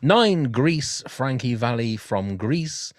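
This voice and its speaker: A man hosts a casual podcast, chatty and quick to laugh. His voice sits at a middle pitch. The sound is dry and close. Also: sing-song, dry recording. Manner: chatty, laughs often, hums tunes. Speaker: podcast host. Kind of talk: casual chat.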